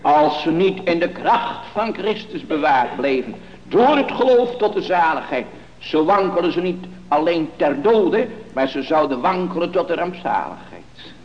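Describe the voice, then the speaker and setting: A man preaching a sermon, in a solemn cadence that builds to loud, emphatic stretches. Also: fairly high pitch, big pitch swings, unhurried, slight background noise. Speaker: pastor. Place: church. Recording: old lo-fi church recording with long reverb.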